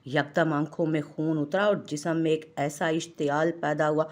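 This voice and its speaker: A woman's voice: low voice, steady tone, moderate pace, darkish tone. Dramatic woman narrator. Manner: dramatic, reads all characters in one voice. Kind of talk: scripted novel narration.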